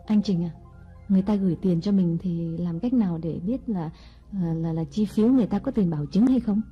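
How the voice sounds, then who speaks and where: A woman voicing a scheming young wife in an audiobook story, speaking in a sweet, deliberate way. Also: on the low side, slightly rough, highs cut off, soft background music. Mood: plain. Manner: sweet-talking, slow and deliberate. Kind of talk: audiobook character reading.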